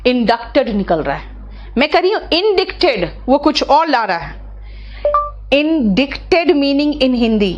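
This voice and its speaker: A woman's voice: high-pitched, big pitch swings, measured pace, dull audio. A middle-aged woman, teaching vocabulary in an online class and coaxing her students step by step. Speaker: English teacher.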